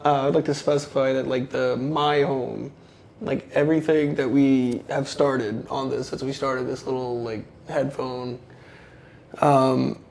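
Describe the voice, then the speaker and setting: A man's voice: mid-range voice, level tone, a little slow, vocal fry, a little mellow, a little hiss or hum. A man on a paranormal investigation, talking casually and hesitantly with many fillers. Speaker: investigator relaying spirit box words. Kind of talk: casual chat.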